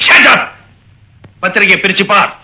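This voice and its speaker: A man's voice: high-pitched, expressive, normal speed, sharp tone, heavily acted, poor audio. An actor playing a stern middle-aged male college principal in a Tamil film, speaking with a Tamil accent and a commanding manner. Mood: angry.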